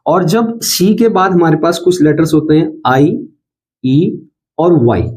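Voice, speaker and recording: A man's voice: a little high, animated, takes it slowly, darkish tone. A man teaching English letter sounds in a patient, explanatory lesson, spelling words out letter by letter.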